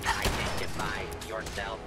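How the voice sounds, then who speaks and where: An actor playing a stern, threatening security robot in a video game. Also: male voice, a little slow, loud music behind the voice, close to an everyday voice. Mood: stern challenge.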